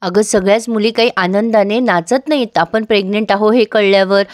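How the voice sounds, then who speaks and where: A woman's voice: a little high, no echo, clean studio sound, lightly acted. A woman voicing an elderly uncle who reasons earnestly with his family. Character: elderly uncle, teasing yet wise.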